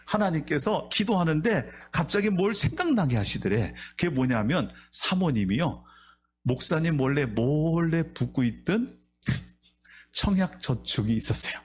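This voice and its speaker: A man's voice: a little high, big pitch swings, a little slow. A male pastor preaching a sermon, telling stories and asking the congregation rhetorical questions.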